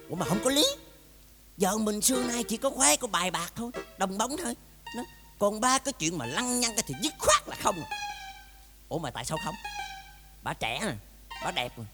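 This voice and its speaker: In a comic domestic drama performed stage-style, a man with a southern Vietnamese accent plays a suspicious, blustering husband bickering with his gambler wife. His high, gravelly voice is fully in character, exclamatory and folksy, as he mutters to himself and then scolds. The recording has a big-room sound.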